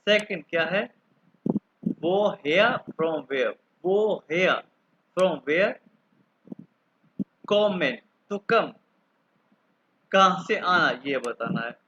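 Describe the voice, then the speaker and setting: A man in his thirties from Pakistan teaching an online German class, patiently repeating words slowly for pronunciation. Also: high-pitched, animated, pushed and bright, muffled recording, slight background noise. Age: 30s.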